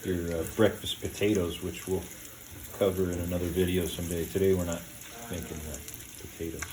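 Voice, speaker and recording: A man hosting a casual cooking video in a home kitchen, talking step by step in a relaxed, plain way with many "uh"s and "um"s. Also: deep voice, brisk, background noise. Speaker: home cooking show host.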